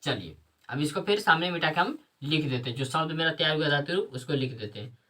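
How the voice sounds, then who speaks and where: A woman teaching a class, repeating each step and answering her own questions as she writes on the board. Her voice sits fairly low. She sounds distant from the microphone. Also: expressive, fast talker, a bit bright. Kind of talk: classroom lesson. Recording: voice heard from a distance.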